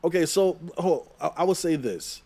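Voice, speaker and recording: A man's voice: fairly high pitch, expressive, moderate pace, warm tone. A man co-hosting a casual podcast, easygoing, laughing often and repeating himself. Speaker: podcast co-host. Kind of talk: casual chat.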